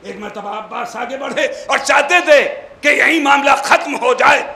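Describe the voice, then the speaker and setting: A man reciting a mourning sermon in a hall, impassioned and often shouting and chanting the lament. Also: very high-pitched, moderate pace, creaky, a crowd in the background. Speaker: majlis reciter. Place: indoor mourning hall gathering.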